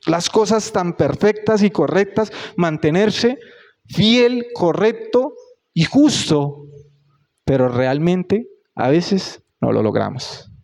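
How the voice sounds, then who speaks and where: A young man preaches in a relaxed, talky way, often slipping into little quoted voices. His voice sits a bit higher than most men's. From Colombia. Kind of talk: sermon.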